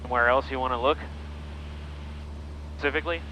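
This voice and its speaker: A man's voice: medium pitch, steady tone, a little fast, lo-fi sound. A man flying a small plane, chatting casually as a private pilot and making pilot radio calls on a headset. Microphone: aviation headset intercom. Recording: cockpit intercom with faint engine noise.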